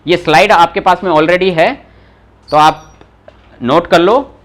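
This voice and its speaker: A man's voice: high voice, takes it slowly, a bit bright. A young man teaching a German class in casual Hindi mixed with English, explaining word meanings, quizzing students by name and teasing them when they forget. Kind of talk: live online class teaching.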